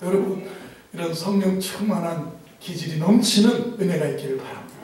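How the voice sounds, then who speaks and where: A male pastor from Chungcheong preaching a lively, humorous sermon to his congregation. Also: high-pitched, fairly quick, crowd noise. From Chungcheong, Korea. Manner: animated preaching with humor and mimicked dialect. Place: church sanctuary. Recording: echoey church hall from a distance.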